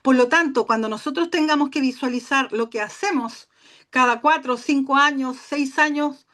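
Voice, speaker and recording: A tired woman giving a passionate, emphatic webinar talk over a video call, her voice turning shrill. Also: moderate pace, a bit bright. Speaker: guest speaker.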